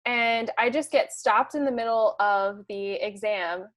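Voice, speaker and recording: A woman in her twenties, a student guest on a podcast, telling stories in a bubbly, animated way and laughing often. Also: mid-range voice, a little slow. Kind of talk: casual podcast chat.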